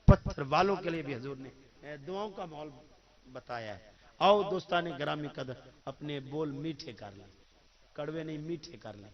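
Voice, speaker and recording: Emphatic Pakistani preacher, dull recording. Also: male voice, fairly high pitch, animated. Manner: emphatic, swings between loud calls and soft asides; addresses the crowd directly, recites Arabic verses. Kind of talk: Urdu religious sermon with storytelling.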